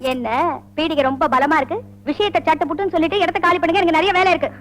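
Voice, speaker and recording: A fast-talking, stern mother. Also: extremely high pitch, a little hiss or hum. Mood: scolding. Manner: sharp, scolding. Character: stern, thrifty mother of grown daughters. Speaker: film actress. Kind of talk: 1980s film dialogue.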